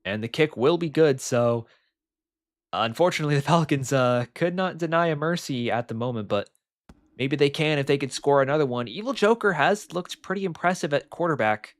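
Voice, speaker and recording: A man's voice: on the high side, normal speed, dry recording. Young man rambling through game commentary. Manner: excitable, rambling with many fillers. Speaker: play-by-play commentator.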